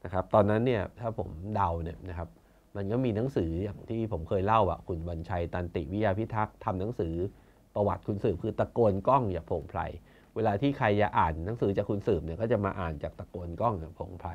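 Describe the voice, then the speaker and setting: A man's voice: fairly low pitch, fast, lo-fi sound. A man chairing a conservation foundation, talking in a casual storytelling way, blunt and colloquial, now and then acting out other people's words. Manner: colloquial, blunt, acts out quoted officials.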